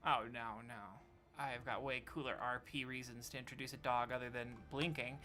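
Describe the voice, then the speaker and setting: Low-voiced, bright-toned woman game master. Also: little pitch movement, normal speed. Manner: casual, rambling, many fillers. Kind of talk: narrating a tabletop role-playing game.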